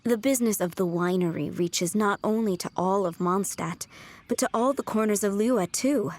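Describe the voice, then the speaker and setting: A woman's voice: mid-range voice, moderate pace, darkish tone, a little hiss or hum, lightly acted. A woman voicing a courteous, composed head housemaid in a video game, with polite, formal phrasing. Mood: concerned. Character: poised, courteous adult female head housemaid. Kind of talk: video game character acting. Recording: music under the voice.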